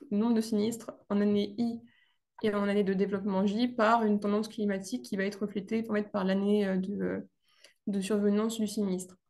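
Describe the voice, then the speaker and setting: A young woman presenting her thesis, speaking in a hesitant way with many pauses and restarts. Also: medium pitch, darkish tone.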